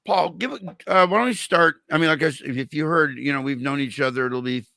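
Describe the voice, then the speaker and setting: An older man hosting a casual interview, talking haltingly with speech impeded by a swollen mouth. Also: on the high side, creaky, bright, forceful tone, no room sound. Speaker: interview show host. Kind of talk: casual chat.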